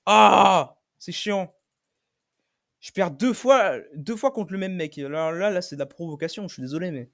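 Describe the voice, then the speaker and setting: A young man commentating his own game play, swearing often and shouting when he loses. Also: high voice, a little slow, gravelly. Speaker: gaming streamer.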